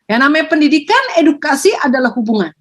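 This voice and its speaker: A woman giving a lively parenting talk to parents, jumping into high-pitched quotes of parents. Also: quick pace.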